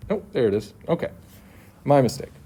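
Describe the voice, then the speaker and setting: A man's voice: medium pitch, big pitch swings, fairly quick, dark tone. A male math teacher explaining homework solutions step by step, his voice slightly muffled by a face mask. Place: at a school. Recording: muffled through mask, faint background noise.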